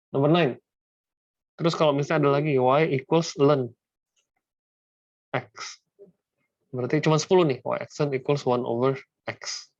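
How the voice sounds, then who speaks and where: A man's voice: mid-range voice, darkish tone, dry recording. A man tutoring math in a casual online lesson, slangy and dropping English math terms into his talk. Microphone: video call. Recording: dull lo-fi video call audio.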